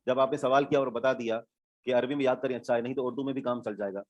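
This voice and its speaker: A man's voice: medium pitch, fairly even intonation, very fast, no room sound. A male Islamic studies teacher giving an online class lecture, explaining terms step by step, repeating them and checking that students follow.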